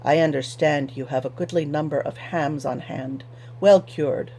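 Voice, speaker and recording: A scarred foreign merchant with a heavy accent, curt and cold, as a woman reader puts him on. The voice drops lower than the narration. He speaks in short lines in a storybook reading. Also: normal speed, mellow, a little hiss or hum. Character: cold, scar-faced foreign male merchant.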